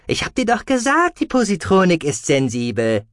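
A man voicing a small, cheeky, wisecracking male furry alien in an audiobook, with a high, squeaky, teasing voice. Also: wildly swooping pitch, normal speed, a bit bright, dry recording, clean studio sound, exaggerated voice. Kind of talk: audiobook character voice.

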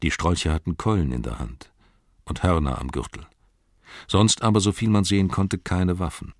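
A man narrates an audiobook in a very low, deep voice, reading steadily and evenly. The recording is dry and close, with no room sound. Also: moderate pace, gravelly, no echo.

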